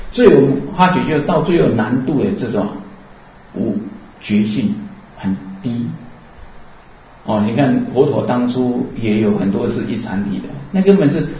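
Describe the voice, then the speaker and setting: A man's voice: mid-range voice, expressive, warm tone, slight background noise. Distant man giving an earnest Buddhist talk. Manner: earnest and explanatory, with rhetorical questions and drawn-out fillers. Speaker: Buddhist teacher. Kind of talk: Dharma lecture. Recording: distant, dull, roomy lecture recording.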